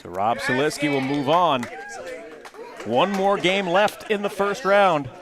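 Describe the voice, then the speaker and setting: A man's voice: a little high, a little slow, music in the background, crowd noise. A man doing casual live play-by-play commentary on a sports event as a commentator.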